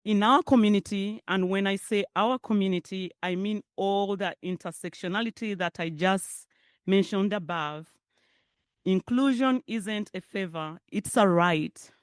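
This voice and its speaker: A woman's voice: medium pitch, unhurried, dry recording, studio quality. A middle-aged woman from Uganda with a Ugandan accent, giving a conversational keynote speech at a forum. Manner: warm, conversational, laughs often. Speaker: keynote speaker. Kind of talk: public speech.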